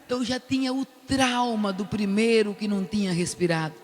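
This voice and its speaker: An older woman with a Brazilian accent giving an animated testimony at a prayer meeting, acting out the lines she quotes. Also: mid-range voice, normal speed, in a large hall. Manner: animated storyteller who loudly acts out the quoted lines. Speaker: prayer group speaker. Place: large cathedral.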